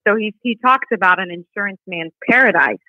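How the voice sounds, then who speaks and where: Over muffled, band-limited remote call audio that stays dry with no echo, a nonprofit director appears as a podcast guest. She speaks briskly at medium pitch, storytelling in a conversational interview and reading aloud a family letter.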